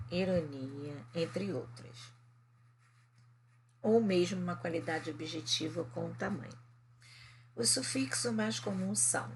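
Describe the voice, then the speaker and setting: A Brazilian Portuguese-accented woman teaches a recorded lesson in a slightly low voice. She explains at a slow, patient pace and keeps checking in with short tag questions. A faint hiss of room ambience sits under her voice. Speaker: Spanish teacher. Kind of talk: recorded remote class lesson.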